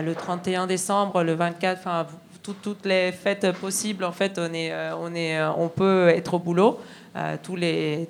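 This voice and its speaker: A woman's voice: lowish voice, a little hiss or hum. A woman from Argentina, a railway worker, speaking earnestly with lots of hesitations and restarts. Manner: many fillers and restarts, earnest. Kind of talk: hesitant spoken testimony.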